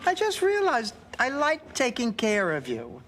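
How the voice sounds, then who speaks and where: A deadpan sardonic daughter. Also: female voice, a little high, measured pace, slight background noise. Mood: dry. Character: dry, sardonic middle-aged daughter. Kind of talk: 1980s sitcom acting.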